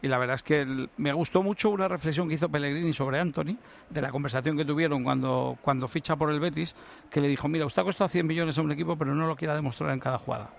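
A man chats through match analysis. His voice is gravelly and very fast, over faint broadcast noise. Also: fairly high pitch. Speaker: football radio pundit.

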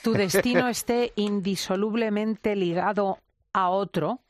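A woman hosting a radio interview, asking measured, poised questions. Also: mid-range voice, no room sound.

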